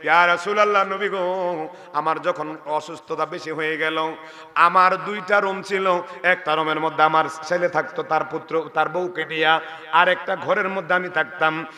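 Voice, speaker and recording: Old mother figure, wailing lament, voiced by a man, high voice, hall reverb. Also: fairly even intonation, normal speed, sharp tone. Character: grieving old mother, sick and cast out. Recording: long reverb of a large venue.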